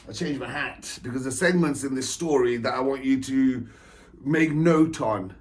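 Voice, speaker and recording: This man, an author and spiritual coach from England in his 40s, has a mid-range, darkish voice at a moderate pace. His monologue is loose and personal, wandering off on tangents, full of laughter and repeated phrases.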